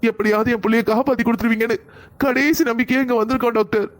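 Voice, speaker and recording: A man's voice: very high-pitched, fairly even intonation, racing. A man voicing an anxious middle-aged father in a cartoon, speaking in a distressed, pleading way. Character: anxious middle-aged father begging help for his daughter. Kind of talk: cartoon voice acting.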